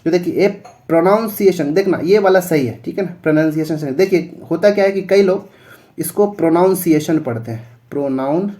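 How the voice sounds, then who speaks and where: A man's voice: a little high, brisk, mellow. A male teacher explaining English spellings for exam preparation, spelling words out letter by letter and checking in often.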